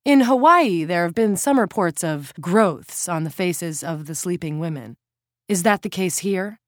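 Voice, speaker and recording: A woman's voice: on the low side, lively intonation, measured pace, dry recording, studio quality. A woman reading an audiobook, voicing a young female TV reporter who speaks in an earnest on-air style. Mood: pressing.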